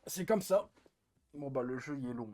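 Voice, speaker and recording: Venting on his live stream, a young man sounds animated yet bitter and frustrated, speaking at a moderate pace. He curses a lot, says the same things over again, and shifts from loud outbursts to quiet muttering.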